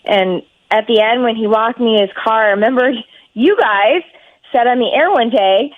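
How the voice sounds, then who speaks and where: A woman's voice: a little high, normal speed, dry recording. A woman on a phone line, put through on speakerphone, talking bluntly and with exasperation, with lots of "like". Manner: blunt and exasperated, says "like" a lot. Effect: heard over a phone line on speakerphone. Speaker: radio call-in guest. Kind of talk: casual phone chat. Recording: tinny dry phone line.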